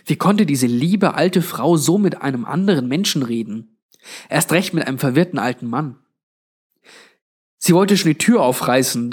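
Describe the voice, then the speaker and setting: A man reading a suspense story aloud in a measured storytelling manner. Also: mid-range voice, darkish tone, slightly rough. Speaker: audiobook narrator. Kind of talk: scripted narration.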